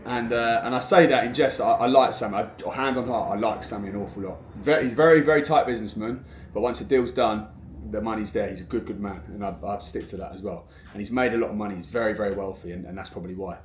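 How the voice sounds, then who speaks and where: A man's voice: on the low side, fast talker, slight background noise. Frank, rambling man in an echoey room. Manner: rambling, frank, with many restarts. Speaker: construction business owner. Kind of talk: casual storytelling to camera.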